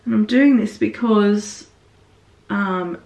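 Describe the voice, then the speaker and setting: A woman's voice: mid-range voice, slow, gravelly, darkish tone, far from the mic. A woman talking casually through a wig-styling tutorial while she works, recorded in a small bathroom. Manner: chatty, talks while working on the wig. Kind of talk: casual how-to narration. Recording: echoey bathroom.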